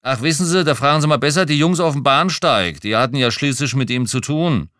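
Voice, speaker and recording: A brusque counter clerk brushes off questions in a curt way, as a male reader voices him. The pitch is pushed well up from the reader's own. The sound is dry and close. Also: animated, brisk, a bit bright, dry recording, natural voice. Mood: curt dismissive.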